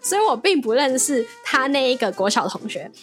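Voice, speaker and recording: A young adult woman co-hosting a podcast, telling her part of a story in a brisk, matter-of-fact way. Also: high-pitched, big pitch swings, faint music behind. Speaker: podcast co-host. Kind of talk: casual chat.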